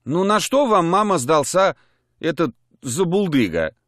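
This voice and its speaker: A man's voice: on the high side, sing-song, measured pace, fairly bright tone, dry recording, voice pushed up. A man voicing a whiny, disdainful young woman, a colonel's daughter, in a dry audiobook recording. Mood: scornful. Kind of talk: audiobook character voice. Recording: dry close studio mic.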